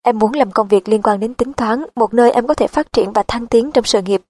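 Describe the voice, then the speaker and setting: A woman's voice: on the high side, brisk, darkish tone, no echo, natural voice. A woman voicing nervous young job applicants earnestly listing their goals and grades.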